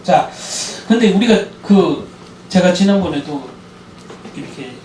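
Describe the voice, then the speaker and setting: A man's voice: high voice, a little slow, echoey room, far from the mic, a little hiss or hum, rough recording. A man giving a church lecture on marriage and parenting, telling stories and acting out the dialogue. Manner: animated storytelling, acting out quoted dialogue.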